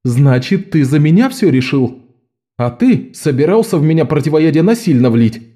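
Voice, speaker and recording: A man's voice: fairly high pitch, big pitch swings, normal speed, dark tone, pitched above the performer's own voice. A man voicing Jean, a blunt, protective adult male thief, firm and commanding. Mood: anguished.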